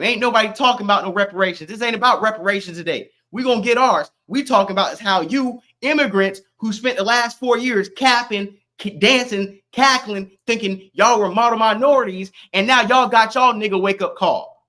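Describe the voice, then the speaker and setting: Man streamer from Florida, high bright voice, brash and mocking live rant. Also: brisk.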